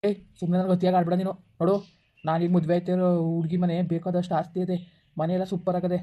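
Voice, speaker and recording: A woman's voice: lowish voice, level tone, muffled recording, lightly acted. A woman playing a harsh, dismissive young man breaking up with his girlfriend in a village skit, talking in curt, scolding bursts. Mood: scornful. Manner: curt, scolding, rapid-fire.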